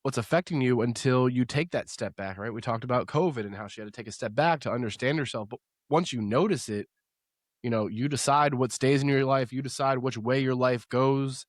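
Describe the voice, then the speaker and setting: A man's voice: medium pitch, brisk, no echo, studio quality. A man hosting a podcast in casual chat, sick and hiccuping, easygoing and joking. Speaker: podcast host.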